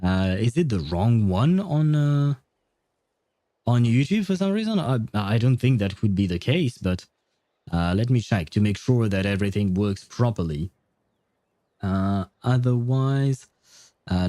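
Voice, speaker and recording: Reading chat during a livestreamed game, a man talks slowly in a fairly low, mellow voice with lively intonation, recorded at studio quality with no echo. His commentary rambles and hesitates, packed with fillers and regular laughs.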